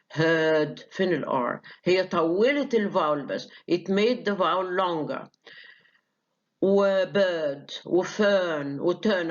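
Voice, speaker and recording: A woman lecturing on phonetics with an Egyptian Arabic accent. She mixes Arabic and English and sounds out example words slowly. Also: on the low side. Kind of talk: recorded online lecture. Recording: dull lo-fi lecture recording.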